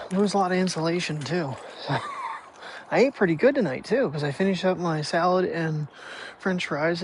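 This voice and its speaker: A man's voice: a little high, a little hiss or hum, rough recording. Rambling man vlogging into his phone. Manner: rambling, thinking aloud with restarts. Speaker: daily vlogger. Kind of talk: casual vlog chat. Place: outdoors at night, walking a dog. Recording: direct phone mic audio.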